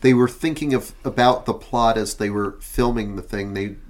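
A man co-hosting a podcast, chatting about a film in a hesitant, halting way and repeating his words. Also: fairly low pitch. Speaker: podcast co-host. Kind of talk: casual chat reviewing a film.

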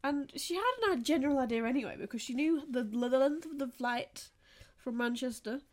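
A slightly high-voiced woman chats casually on a podcast mic. She drifts through tangents and pokes fun at herself as she tells a story. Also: lively intonation, normal speed. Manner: rambling, self-mocking storyteller. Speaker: podcast co-host. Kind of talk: casual chat.

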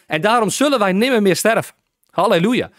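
A man's voice: high-pitched, lively intonation, a little fast, a bit bright, dry recording, clean studio sound. A man teaching a Bible lesson as a sermon, repeating his phrases with emphasis and frequent hallelujahs. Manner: repetitive, emphatic preaching with hallelujahs. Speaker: preacher.

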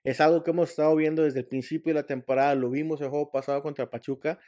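A man's voice: fairly high pitch, flat delivery, quick pace, warm tone. A man from Mexico co-hosting a casual sports chat, talking as a frustrated fan, rambling with lots of fillers. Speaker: podcast co-host.

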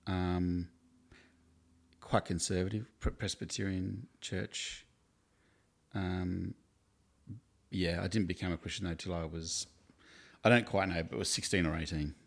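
A man's voice: low-pitched, fairly even intonation, a little slow, creaky, pauses often. An Australian man from Tasmania, around his forties, a guest in an interview who tells his own stories chattily and with self-deprecating laughs. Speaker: campus ministry worker, guest. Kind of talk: casual interview storytelling.

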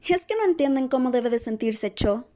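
Woman doing a smart bossy schoolgirl, raised pitch, earnest, lecturing patiently in an audiobook. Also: expressive, normal speed, warm tone. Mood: matter-of-fact. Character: clever bossy teenage schoolgirl. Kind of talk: dramatized audiobook reading.

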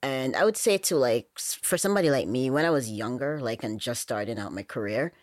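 Jamaican woman with a very low voice. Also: lively intonation, brisk, dry recording, studio quality. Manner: frank, emphatic, with many "you know" fillers. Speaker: podcast guest. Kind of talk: casual interview chat.

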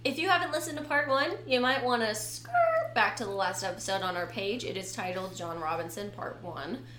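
A woman's voice: mid-range voice, brisk, pushed and bright. A young woman co-hosting a casual true-crime podcast, telling the story conversationally with slangy asides. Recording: roomy echo, faint background noise.

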